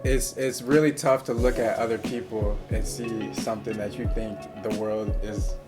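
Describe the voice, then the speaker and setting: A man's voice: fairly low pitch, fairly even intonation, normal speed, loud music behind the voice. Young man chatting, agreeable and reflective. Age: young adult. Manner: agreeable, reflective, laughs along. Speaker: podcast co-host. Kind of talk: casual podcast chat.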